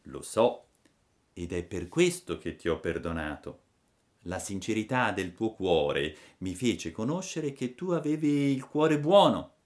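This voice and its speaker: A man reading a storybook, voicing a gentle but stern fairy mother in a soft, low, measured voice. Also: very animated.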